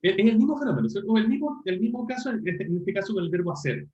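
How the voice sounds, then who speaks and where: Teacher lecturing on a lo-fi call. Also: male voice, high-pitched, sing-song, very fast, warm tone, echoey room, a little hiss or hum. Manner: explanatory, repeats words as he thinks. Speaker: university language teacher. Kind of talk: online class lecture.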